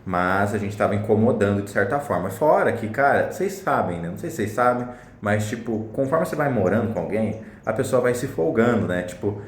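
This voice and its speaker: Young guy ranting fast, blunt and slangy, lowish voice, echoey room. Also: animated. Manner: blunt, slangy, swears a lot. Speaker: vlogger telling a personal story. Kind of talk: casual storytelling to camera. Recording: roomy echo.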